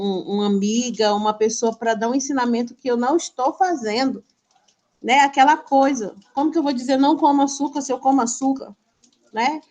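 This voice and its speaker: A woman pastor, sharing a lively devotional testimony in an animated storytelling way. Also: high voice, dull audio.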